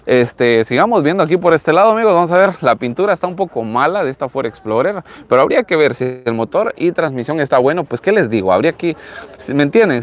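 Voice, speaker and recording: Man, thirties, Latin American Spanish accent. Casual live-stream host, chatty and repetitive, mid-pitched, recorded outdoors on a handheld phone. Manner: chatty, repeats phrases. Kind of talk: casual live vlog commentary, showing used cars. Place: outdoors in an open car lot. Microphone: handheld phone at arm's length.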